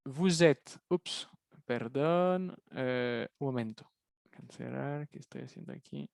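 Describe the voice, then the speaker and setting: A man's voice: mid-range voice, slow, vocal fry, a little mellow, no echo. A man teaching a French review lesson in Spanish, patiently repeating phrases for his students. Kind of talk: online language lesson, explaining in Spanish.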